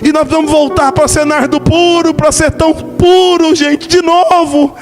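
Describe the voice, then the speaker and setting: A Brazilian man in his forties preaches with fervor, his voice sitting high and climbing further as his emotion swells. He speaks as a preacher sharing his own testimony at full intensity. Instrumental music plays clearly underneath. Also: fairly even intonation, unhurried. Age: 40s. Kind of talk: passionate sermon testimony.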